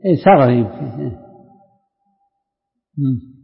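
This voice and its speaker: A man's voice: mid-range voice, expressive, measured pace, creaky, soft background music. An older man teaching as a sheikh, questioning his reader, asking him to repeat lines and explaining the text. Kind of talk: lesson commentary on a read text. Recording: dull lo-fi sound in a reverberant hall.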